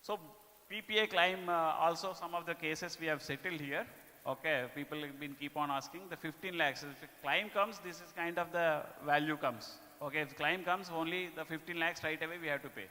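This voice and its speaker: Bright, forceful Indian man presenting in reverberant hall. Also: on the high side, steady tone. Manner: halting delivery with repeated "okay" tags. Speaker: business presenter. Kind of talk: corporate performance presentation to staff. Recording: echoey hall with long reverb.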